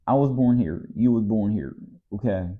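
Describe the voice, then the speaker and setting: An American vlogger from the United States with a Southern accent rants wearily and with exasperation through a casual monologue. His voice is fairly low and moves at a moderate clip, and the lo-fi audio sounds a bit dull.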